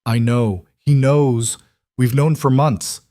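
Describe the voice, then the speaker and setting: A man voicing a grave, kindly country doctor who speaks quietly, steadily and firmly, as an audiobook character. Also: medium pitch, steady tone, takes it slowly, dry recording, studio quality, pitched above the performer's own voice, close to an everyday voice.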